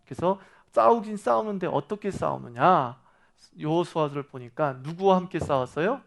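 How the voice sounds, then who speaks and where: A man's voice: a little high, animated, moderate pace, gravelly. A male pastor preaching a sermon in a conversational way, often asking the congregation questions and acting out quoted lines. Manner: acts out quoted lines with animation.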